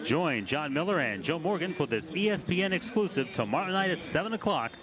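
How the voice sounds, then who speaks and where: A man's voice: on the high side, lively intonation, fairly quick, low-quality recording. A man giving baseball play-by-play commentary in the role of the game's announcer. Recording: ballpark crowd behind the voice. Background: stadium crowd.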